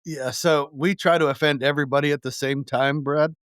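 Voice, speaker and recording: Podcast host: man, slightly high voice, casual and profane, dry close sound. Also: fairly even intonation, brisk, fairly bright tone, clean tone, no room sound. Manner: loose, profane, rambling with restarts.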